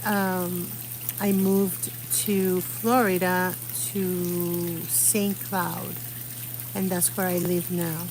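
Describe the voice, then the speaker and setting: Extremely slow and flat, a middle-aged Puerto Rican woman's lowish, darkish voice comes through a low-quality recording with slight background noise. She is outdoors under an umbrella, painting and chatting casually on a live stream, rambling while she looks for words.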